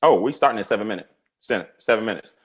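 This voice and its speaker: A man hosting a live money webinar, greeting viewers by name and telling stories in a casual, animated way. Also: lowish voice, rapid-fire, husky. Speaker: webinar host.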